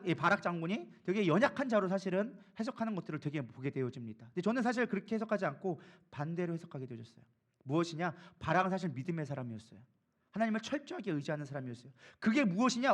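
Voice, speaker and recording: A male pastor preaching a sermon, acting out biblical figures in casual everyday speech. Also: high-pitched. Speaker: co-lead pastor.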